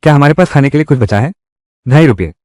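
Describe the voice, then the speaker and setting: A man's voice: medium pitch, expressive, fast, a little mellow, dry recording, studio quality, close to an everyday voice. A man voicing heated, scolding family quarrels in dubbed drama dialogue. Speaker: voice actor dubbing a village family drama.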